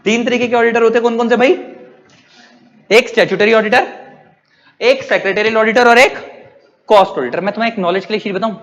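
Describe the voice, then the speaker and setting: A man teaching a class in a high voice. He keeps asking questions and answering them himself. His voice rings with a long reverb. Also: steady tone, fast talker, long pauses, a bit bright. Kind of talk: classroom lecture.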